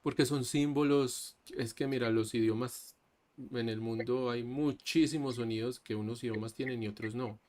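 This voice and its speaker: A man teaching an online English class, explaining slowly and mixing Spanish with English. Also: medium pitch, steady tone. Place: online class over a video call. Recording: faint background music. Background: soft background music.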